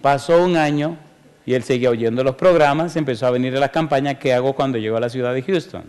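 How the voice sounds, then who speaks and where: Guy preaching in a big reverby church, mid pitch, pleading and emphatic. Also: fast talker, a little mellow, clean tone. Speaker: pastor. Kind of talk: sermon with altar call.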